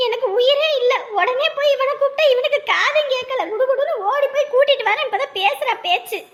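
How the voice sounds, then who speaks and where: A woman's voice: very high voice, brisk, fairly bright tone. A brash, mocking old village woman. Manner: brash, mocking, then overjoyed. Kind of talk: cartoon voice acting.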